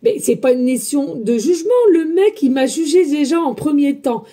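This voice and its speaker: A woman medium giving a spiritual guidance reading, talking loudly and emphatically and chatting with her viewers as friends. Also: high voice, moderate pace. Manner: loud, emphatic, energetic talk. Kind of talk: casual spoken guidance to viewers.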